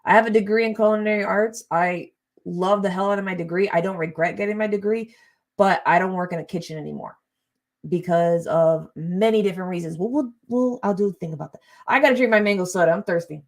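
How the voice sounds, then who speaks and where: A young adult woman chatting casually and rambling on her live stream, often trailing off and breaking into laughter. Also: mid-range voice. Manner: chatty, rambling, quick swings into laughter and exasperation.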